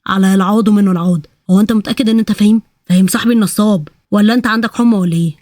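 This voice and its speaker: A woman's voice: medium pitch, fairly even intonation, rapid-fire, warm tone, no room sound, clean studio sound, close to an everyday voice. A woman voicing a grumpy, stingy male thief who complains sarcastically in Egyptian Arabic. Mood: scoffing.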